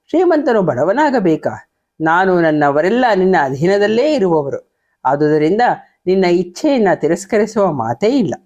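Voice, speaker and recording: A woman's voice: lowish voice, darkish tone, highs cut off. A woman reading the lines of an old king coaxing and pleading with his angry queen.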